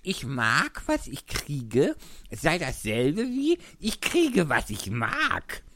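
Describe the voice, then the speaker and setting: A man voicing a fussy male March Hare in a storybook reading, loud and insistent. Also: a little high, wildly swooping pitch, takes it slowly, no room sound, voice pushed up, full character voice.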